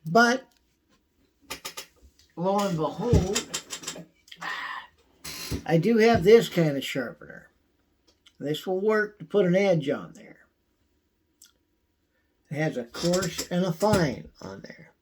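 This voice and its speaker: Slow-talking man with a squeaky, thin, cold-affected voice. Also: a little mellow. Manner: folksy, unhurried, frequent throat clearing. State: squeaky, congested voice from a coming cold. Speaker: video host demonstrating pocket knife care. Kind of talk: casual how-to demonstration.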